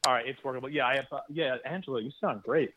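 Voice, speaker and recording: Rambling man on a thin phone line. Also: fast talker. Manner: rambling, joking, self-interrupting. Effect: thin phone-line sound with no bass. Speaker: podcast guest calling in. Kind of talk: casual podcast chat. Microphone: regular phone.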